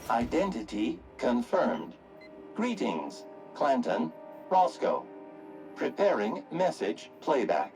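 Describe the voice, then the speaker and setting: A man's voice: medium pitch, huge pitch swings, slow, a little mellow, faint music behind, full character voice. A man voicing a formal, dutiful automech robot in a video game, speaking in a robot voice with stiff machine announcements.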